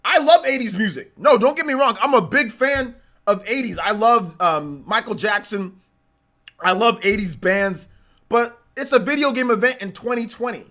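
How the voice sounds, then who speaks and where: A man in his mid-forties hosts a live reaction stream and rants at length. His voice is bright and cutting. He sounds exasperated and circles back over the same points. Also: extremely high pitch, normal speed. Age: 40s. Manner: ranting, repetitive, exasperated. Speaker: livestreamer.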